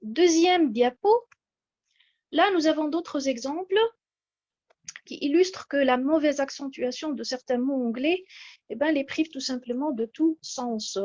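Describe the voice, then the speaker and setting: Woman lecturer, high voice, measured and hesitant, muffled online-talk sound. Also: a little mellow. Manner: measured, explanatory, with frequent hesitations. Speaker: lecturer presenting slides. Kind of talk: slide-based lecture on word stress.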